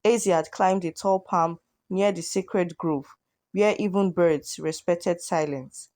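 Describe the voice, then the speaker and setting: A woman narrating a folktale in a measured, vivid storytelling manner. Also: fairly low pitch, a little mellow, dry recording, clean studio sound. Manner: measured, vivid with proverbs and images.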